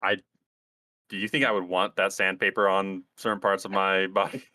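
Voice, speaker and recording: Male podcast co-host, very deep but bright and punchy, crude rambling humor, dry mic. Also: little pitch movement, normal speed, dry recording. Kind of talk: casual podcast banter.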